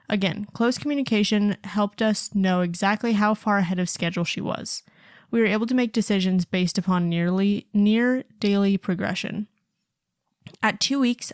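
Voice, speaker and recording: A woman's voice: mid-range voice, no room sound. Woman co-host, casual and chatty, reads listener stories; dry, close mic. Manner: chatty, laughs often, many fillers. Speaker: podcast co-host.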